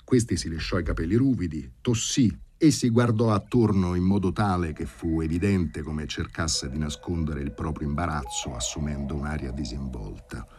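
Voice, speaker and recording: A man reading a novel aloud in an expressive, theatrical way. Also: rumbling low, normal speed, hardly any pauses, noisy background. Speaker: audiobook reader.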